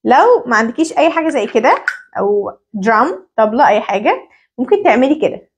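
A woman with an Egyptian Arabic accent teaching parents English syllables, drilling words by repeating them slowly. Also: a little high, very animated, noisy background. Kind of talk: English phonics lesson for parents.

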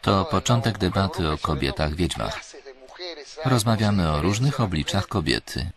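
A man's voice: low voice, animated, moderate pace, crowd noise. A man reading every character's lines in one voice, as the voice-over of a dubbed series. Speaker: voice-over reader. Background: series soundtrack music and dialogue.

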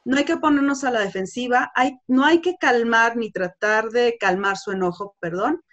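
A woman's voice: fairly high pitch, moderate pace, fairly bright tone, dull audio. A woman giving a sales training course, explaining step by step with fillers like "este" and "pues". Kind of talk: course presentation on customer service.

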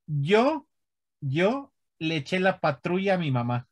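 A man's voice: high-pitched, slow pace. A man with a Mexican accent hosting a casual chat, telling childhood stories with lots of slang and swearing, and acting out the voices in them. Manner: animated storyteller, acts out the voices in his stories; swears freely in slangy banter. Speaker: streamer host.

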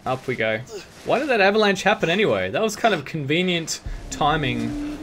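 Excitable let's-play host, man, laughs and yells at the game, animated delivery, music underneath. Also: a little high, a little fast. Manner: excitable, jokey, often laughing and shouting at the game. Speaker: gaming video host. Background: game music and gunfire.

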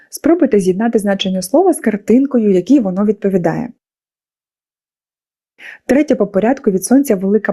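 A woman teacher narrates a scripted lesson for young pupils. Her voice is warm and mellow, and her pitch sits in an ordinary middle range. She explains patiently and keeps turning to the class with questions. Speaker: school teacher.

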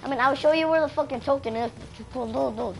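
A woman giving frustrated, swearing commentary while she plays a game, often yelling at her teammates. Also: high-pitched, a little fast, vocal fry. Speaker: gamer. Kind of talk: live gameplay commentary. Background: loud game music.

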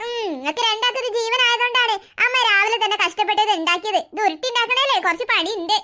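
A woman's voice: very high-pitched, fast talker, pushed and bright. A woman voicing a fussing, teasing cartoon mother who chides her daughters but cares for them. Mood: motherly. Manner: chiding yet caring.

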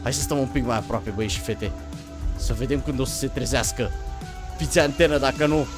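A young man giving excited gameplay commentary, talking straight to viewers and swinging from hushed murmurs to sudden yelps. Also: medium pitch. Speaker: gaming YouTuber. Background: game music.

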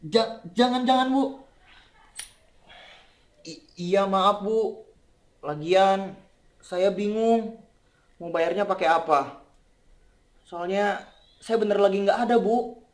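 A man's voice: high voice, slow, long pauses, echoey room. A young man playing a sly, nervous debtor in a comedy skit, hesitant. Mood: nervous, pleading. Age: young adult. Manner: hesitant, stammering, muttering. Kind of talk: comedy skit acting, colloquial. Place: indoors, in a house.

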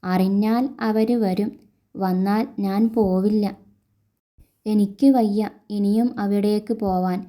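A woman voicing a timid, mistreated young woman who speaks quietly and sadly in an audio love story. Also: medium pitch, fairly even intonation, takes it slowly, natural voice. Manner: quiet, hurt and hesitant.

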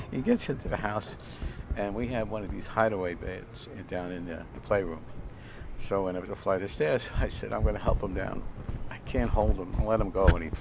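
An older man hosts a cooking video at an outdoor grill, rambling through a long anecdote, chuckling often and repeating words in a chatty way. His voice is on the low side with vocal fry. The noisy outdoor recording picks up ambient sound and passing traffic.

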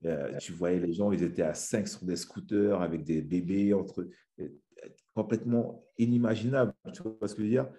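A fitness influencer in his 30s from French Guiana joins a casual video-call interview as a podcast guest, using his webcam from a small room at home. His voice is deep and very dark, at a moderate pace. He rambles, with many restarts and fillers.

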